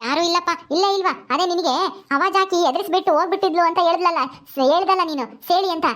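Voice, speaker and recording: A woman playing a brisk, commanding female police officer in a village family drama. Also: very high voice, fairly bright tone. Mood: explaining.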